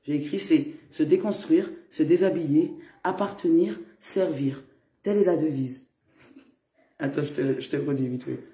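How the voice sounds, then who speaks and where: A man's voice: fairly high pitch, moderate pace, dark tone. A man chatting to viewers in a casual live-stream monologue, rambling and laughing often. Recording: roomy echo.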